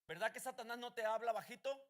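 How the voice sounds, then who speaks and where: A male pastor preaching a fervent sermon, moving between calm storytelling and loud shouted calls to his congregation. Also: very high-pitched, quick pace.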